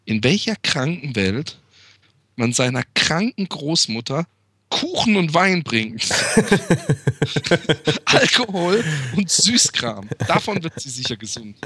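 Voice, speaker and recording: A man's voice: on the high side, very animated, slow, pushed and bright, breathy edge, no room sound. Sarcastic man reading a fairy tale. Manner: sarcastic, crude asides.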